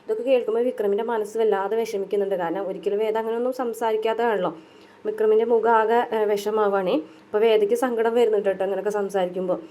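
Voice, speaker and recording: Fast-talking woman retelling a serial. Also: medium pitch, steady tone, warm tone. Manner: chatty, tags sentences with "ട്ടോ", many fillers. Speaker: serial episode recapper. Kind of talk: casual retelling of a TV serial episode.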